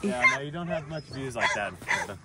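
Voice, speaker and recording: A man working as a dog sledding guide, greeting visitors in a friendly, relaxed way outdoors. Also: mid-range voice, quick pace, crowd noise. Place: outdoors at a dog sled camp. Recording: outdoor noise with barking dogs.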